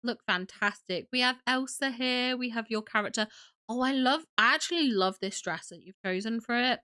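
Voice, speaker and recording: A woman's voice: a little high, moderate pace, sharp tone, clean tone. A young woman hosting a casual livestream, sniffly from a cold, gushing and chatty as she greets viewers. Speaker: livestream host.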